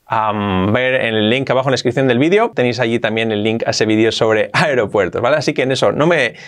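Man, video English teacher, drills phrases slowly with animated pitch leaps, rushes the asides. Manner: repeats phrases slowly, lively pitch jumps. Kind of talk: video lesson.

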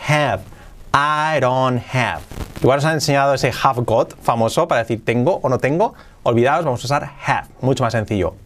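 A man teaching English phrases in a casual video lesson, repeating them slowly to drill pronunciation. His first language is Spanish. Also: mid-range voice.

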